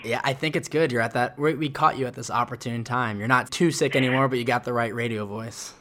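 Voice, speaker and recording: A man's voice: medium pitch, fairly even intonation, fast talker, fairly bright tone. A man co-hosting a podcast, giving earnest, upbeat opinions in casual banter. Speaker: podcast co-host.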